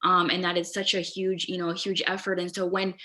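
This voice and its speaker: Bright, flat-toned discussion moderator. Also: medium pitch, a little fast. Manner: reflective, conversational, with filler words. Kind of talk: casual discussion comment.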